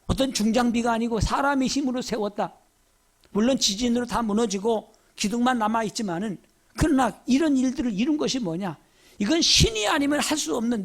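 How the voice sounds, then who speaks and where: A man preaching a sermon as pastor, telling stories with many rhetorical questions. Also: extremely high pitch. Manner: animated storytelling, rhetorical questions.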